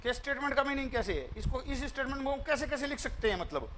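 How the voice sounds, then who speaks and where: An Indian math teacher with an unusually high voice walks students through a statement step by step. His tone is bright and forceful. He repeats his points and keeps asking the class questions, moving between Hindi and English as he goes. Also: lively intonation, quick pace, slight background noise. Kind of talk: online demo math lecture.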